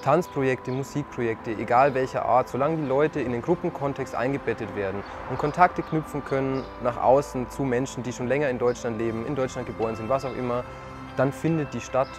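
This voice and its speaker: A man's voice: mid-range voice, brisk, music in the background. A young man who works with youth, talking casually in an outdoor courtyard interview on a lapel mic. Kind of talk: documentary interview. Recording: outdoor noise in background.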